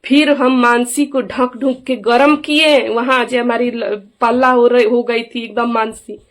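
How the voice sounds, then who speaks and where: With a voice on the high side, fairly even intonation and a measured pace, a middle-aged woman vents as an aggrieved mother in a casual vlog. She airs a family grievance emphatically, repeatedly seeking backing from those around her.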